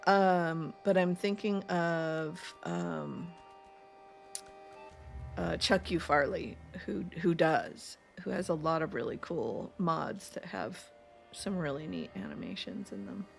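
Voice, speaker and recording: Woman, East Coast accent, lower voice, vocal fry, rambling streamer chat. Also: slow pace, soft background music. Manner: rambling, chatty, laughs often, reads chat aloud. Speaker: gaming streamer. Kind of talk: casual let's-play chat.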